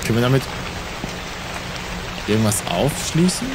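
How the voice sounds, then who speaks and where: A man's voice: mid-range voice, expressive, normal speed, heavy background noise. A man in his thirties giving casual let's play commentary as a horror game streamer, muttering to himself and reacting uneasily, spooked by the game.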